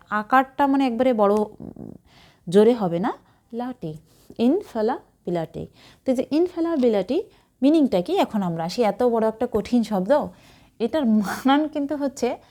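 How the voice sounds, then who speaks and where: A woman's voice: fairly high pitch, dark tone. A woman teaching English vocabulary, spelling words letter by letter and giving memory tricks. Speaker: English tutor. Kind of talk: vocabulary lesson.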